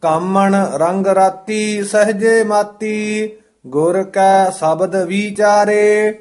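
Very slow, high-voiced male reciter. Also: fairly even intonation, a little mellow. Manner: measured, chant-like reading line by line. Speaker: student reciting scripture.

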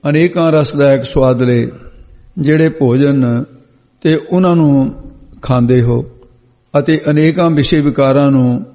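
Male preacher, dark mellow voice, word-by-word scripture sermon, lo-fi hall recording. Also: medium pitch, a little slow, pauses often. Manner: glosses each word, repeats phrases, corrects pronunciation. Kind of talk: line-by-line scripture exposition sermon. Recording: dull lo-fi sound with long hall reverb.

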